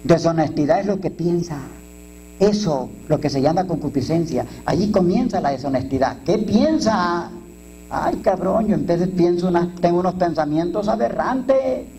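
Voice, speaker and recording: A Mexican priest talks bluntly and jokingly to a recovery group, full of slang and rhetorical questions. His voice sits fairly high for a man but sounds dark and mellow. A faint mains hum runs under the recording. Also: animated, moderate pace, rough recording. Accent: Mexican Spanish. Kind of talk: informal talk to a twelve-step group.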